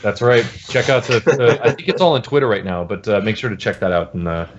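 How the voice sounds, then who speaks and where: Rambling low-voiced man, lo-fi podcast. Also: fast talker, crowd noise. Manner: loose and rambling, jokey. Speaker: game developer co-hosting a podcast. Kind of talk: casual podcast chat. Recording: dull lo-fi recording.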